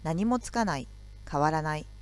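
A woman teaching a recorded video lesson. Her voice sits a little low, and she explains each point slowly and carefully, like walking a class through grammar. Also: lively intonation.

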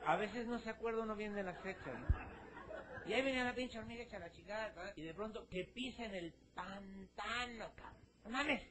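A man's voice: high-pitched, a little fast, a bit bright, some chatter behind, slight background noise. A man with a Mexican accent telling a crude, slangy joke with casual asides. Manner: profane slangy storytelling with asides. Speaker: joke teller.

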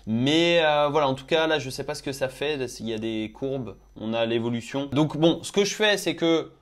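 A man's voice: medium pitch, expressive, normal speed. A young man chatting casually as he tries out crypto apps on his phone, thinking aloud with lots of fillers. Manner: chatty, thinks aloud with many "euh" and "du coup". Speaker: crypto YouTuber. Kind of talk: casual screen-recorded app review.

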